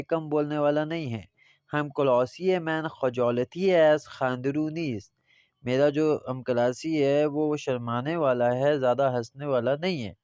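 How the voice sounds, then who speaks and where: A male teacher with a Pakistani Urdu accent giving a Persian language lesson, reading phrases slowly and then explaining them. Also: mid-range voice, a little mellow, smooth, dry recording. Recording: slightly dull lo-fi audio.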